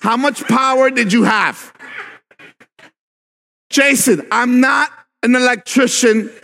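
A male pastor preaching a sermon in a conversational way that builds to emphatic shouts. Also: very high-pitched, takes it slowly, vocal fry. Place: church sanctuary. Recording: long reverb with faint background music.

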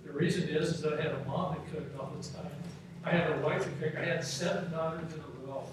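Guy preaching a sermon, slightly high voice, emphatic rises, faint room hum behind. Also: fairly even intonation. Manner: preacher's cadence with emphatic rising phrases and slowed scripture reading. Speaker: pastor. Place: church auditorium. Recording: very echoey hall from far off.

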